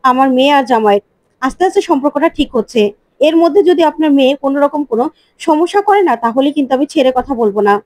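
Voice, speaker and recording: A woman voicing a sharp, scolding older aunt who threatens quickly. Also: high voice, expressive, no echo.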